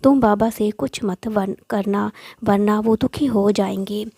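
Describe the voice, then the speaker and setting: A woman's voice: medium pitch, measured pace, vocal fry, slightly rough, dry recording. A woman voicing a kind, protective boy. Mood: reassuring. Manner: calm, reassuring. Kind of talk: storybook voice acting.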